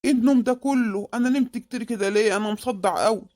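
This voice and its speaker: A woman's voice: on the high side, racing, warm tone, no echo, close to an everyday voice. A woman voicing a scheming middle-aged married man in a comic cartoon, with an Egyptian accent and a sweet-talking, evasive manner. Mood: grumpy. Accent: Egyptian Arabic.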